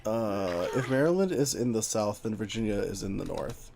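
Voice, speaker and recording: An American man chatting casually as a livestream host while gaming, with an animated, conversational manner. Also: fairly low pitch, moderate pace, gravelly, a little hiss or hum. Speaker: live streamer host.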